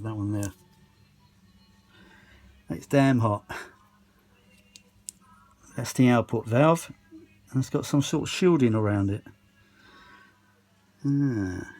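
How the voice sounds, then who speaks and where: Working in his home kitchen workshop, a British hobbyist repairer presents a video, rambling through casual, unscripted commentary and muttering to himself as he goes. His middle-pitched voice has a darkish tone, captured on a handheld phone.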